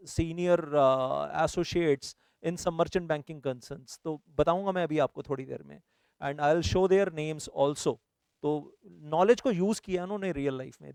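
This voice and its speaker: An Indian man speaking to his students in an earnest, persuading tone as he promotes his courses, mixing Hindi and English as he goes. His voice is a little high, smooth and clear. It is recorded close and dry, with almost no room sound. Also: a little mellow, no echo. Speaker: CS coaching teacher.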